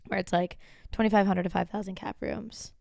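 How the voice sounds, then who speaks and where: A young woman, a musician co-hosting a podcast, chatting casually, full of "like" and quick laughs, close on a studio mic. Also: medium pitch, steady tone, gravelly, a little mellow, no echo. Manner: chatty, laughs often, lots of "like" fillers. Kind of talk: casual chat. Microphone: studio dynamic mic, spoken into closely.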